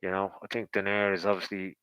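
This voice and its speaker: Low-voiced man giving casual boxing commentary. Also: completely flat delivery, fast talker, a bit bright, clean tone, no echo, poor audio. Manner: conversational, speculative, thinking aloud. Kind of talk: casual, rambling fight commentary.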